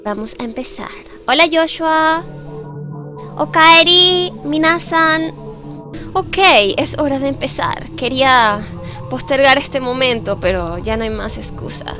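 A young woman with a high-pitched voice streams a horror game live at normal speed, with soft music in the background. She chats quietly with her viewers and shrieks whenever the game makes her jump.

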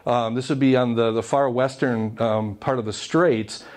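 A man's voice: medium pitch, fairly even intonation, moderate pace, darkish tone. A middle-aged American man giving an informal, chatty history lecture into a handheld microphone, speaking through a cloth face mask. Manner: chatty, conversational with asides to the audience. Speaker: public lecturer, documentary filmmaker and historian. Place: indoor meeting room, presenting to an audience. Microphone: handheld microphone held to masked mouth.

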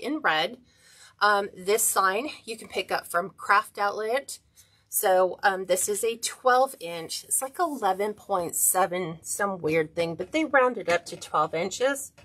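A woman's voice: medium pitch, fairly bright tone. Chatty woman teaching a craft livestream. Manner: chatty, greets viewers by name. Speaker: wreath-making instructor. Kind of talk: live-streamed craft tutorial. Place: indoor craft table, overhead camera.

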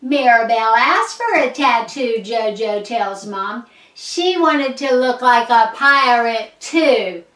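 Expressive woman reading a picture book. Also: fairly high pitch, slow, few pauses. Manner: expressive, first-person as a little girl. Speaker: storyteller. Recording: echoey room, far from the mic.

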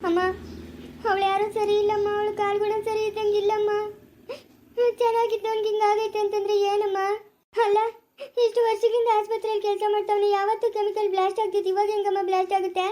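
A woman's voice: very high-pitched, flat delivery, fast, dark tone. A woman playing a young sister who is upset and angrily blames others in an amateur family drama. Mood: upset, accusing. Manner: accusing, agitated. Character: angry, tearful young sister blaming others.

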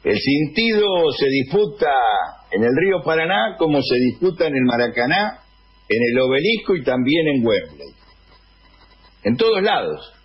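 Man, Argentine accent, radio host, husky voice, political editorial, deliberate pauses, slightly muffled radio sound. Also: fairly high pitch, big pitch swings.

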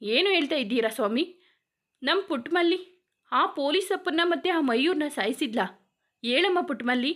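A woman's voice: high-pitched, expressive, normal speed, long pauses, fairly bright tone, pitched above the performer's own voice. A woman voicing a worried old village grandfather who asks anxious, pleading questions.

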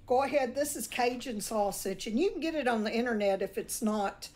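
High-voiced Southern woman, folksy home cook. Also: fairly quick, darkish tone. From southern United States. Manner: folksy, chatty instruction. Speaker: home cook presenting recipes. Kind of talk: casual cooking tutorial. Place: home kitchen, indoors. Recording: home video with faint kitchen noise.

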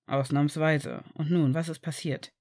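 Stern potions master guy, woman doing him, low and clipped, dry, storybook style. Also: fairly even intonation, unhurried, darkish tone. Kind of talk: audiobook character reading.

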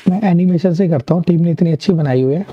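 A man's voice: a little high, quick pace, husky. Indian guy teaching maths online, cheery, keeps asking and answering himself, kinda dull lo-fi audio. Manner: upbeat, encouraging, asks and answers his own questions.

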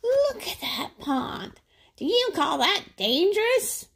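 A woman's voice: sing-song, takes it slowly, vocal fry, fairly bright tone, heavily acted. A sly, coaxing blue jay, voiced by a woman. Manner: coaxing, very high and lilting.

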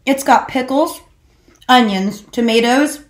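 A woman's voice: fairly high pitch, takes it slowly, roomy sound. A woman co-hosting a casual mukbang eating show, joking and punning as she talks. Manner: playful, punny, animated. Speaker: mukbang co-host.

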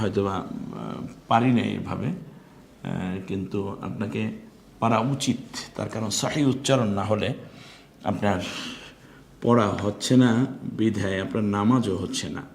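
A middle-aged man teaching an online Quran class, explaining pronunciation and repeating letter sounds slowly and with emphasis. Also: fairly low pitch, vocal fry, a little mellow, a little hiss or hum.

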